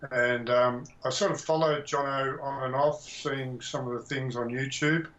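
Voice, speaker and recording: A middle-aged retired man, a course student, gives a plain and modest testimonial over a call, hesitating with fillers. His mid-range voice is steady and fairly bright at a moderate pace, carried on dull lo-fi call audio.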